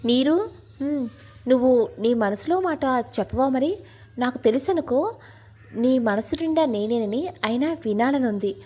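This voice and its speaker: A woman voicing a hurt, quick-tempered young husband in a Telugu audio story, in an emotional, reproachful way. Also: sits high, expressive, warm tone, slightly rough, full character voice. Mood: pleading.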